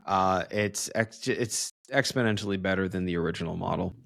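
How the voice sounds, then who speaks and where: A man co-hosting a casual podcast, energetic, slangy and teasing, talking into a podcast microphone. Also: low-pitched, fairly quick, vocal fry, no room sound, clean studio sound. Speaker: podcast co-host.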